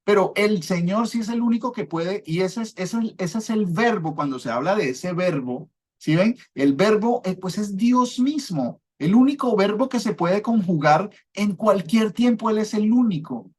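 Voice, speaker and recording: A man's voice: high voice, normal speed, husky. Male preacher, fervent sermon delivery, keeps asking the congregation if they follow. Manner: fervent, rhetorical check-ins with listeners.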